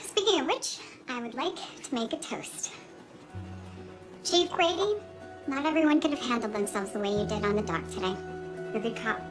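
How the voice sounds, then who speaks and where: An actress playing a teasing police detective, her voice sped up into a high, squeaky chipmunk effect, from a TV soundtrack. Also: animated, normal speed, pauses often. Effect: sped-up, high-pitched chipmunk voice effect. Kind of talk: TV drama dialogue. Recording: TV soundtrack with music behind.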